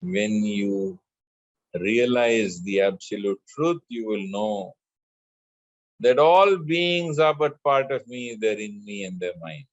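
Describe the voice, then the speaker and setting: A man teaching spiritual lessons in a measured way, chanting scripture verses between his explanations. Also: fairly low pitch, expressive, no room sound, lo-fi sound. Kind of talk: spiritual discourse with scripture recitation.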